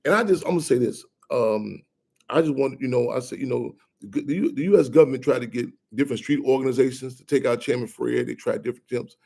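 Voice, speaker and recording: A man speaking as an activist guest on a radio talk show, passionate and quick, often repeating and restarting his phrases. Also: medium pitch, vocal fry, darkish tone.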